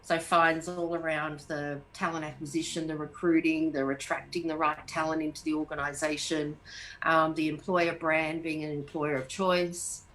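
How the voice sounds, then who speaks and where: Measured middle-aged Australian woman, lowish voice. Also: level tone, fairly bright tone, rough recording. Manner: measured, explanatory, lists points with fillers. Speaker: HR manager, interview guest. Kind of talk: conversational interview answers.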